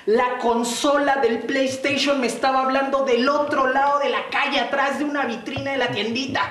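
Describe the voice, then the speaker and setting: A man from Mexico's southern coast with a Mexican accent, telling a story to young people with playful, dramatic pitch swings and slowdowns. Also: fairly even intonation, a bit bright. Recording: roomy, distant mic, faint noise.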